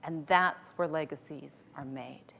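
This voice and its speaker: A woman's voice: sits low, unhurried, vocal fry, a bit bright. A woman giving a motivational talk to a live audience, speaking informally and directly, coaxing her listeners. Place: speaking live at a group event.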